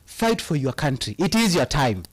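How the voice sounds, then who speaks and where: In a sing-song, fairly high voice at a moderate pace, a Kenyan man helps host a casual live chat in English and Swahili. Passionately reading viewer comments aloud, he hesitates and fills gaps as he goes.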